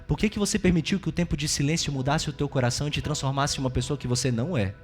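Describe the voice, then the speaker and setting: A man with a Brazilian accent preaching a sermon as pastor, shifting between loud exclaiming and hushed, intimate asides. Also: fairly high pitch, racing, faint music behind. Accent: Brazilian Portuguese.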